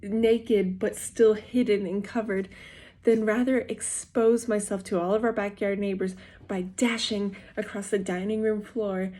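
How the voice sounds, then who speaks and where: A woman's voice: medium pitch, fairly even intonation, a little slow, mellow. A young adult woman vlogging, telling a personal story in a casual, rambling way with many fillers and self-corrections.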